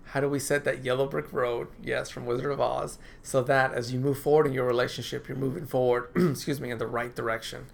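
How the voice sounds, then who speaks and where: Talking fairly quickly with hardly any pauses, a male counselor addresses the camera casually from his office in a level, medium-pitched voice with vocal fry. He often says "right?", repeats himself, and clears his dry throat over slight background noise.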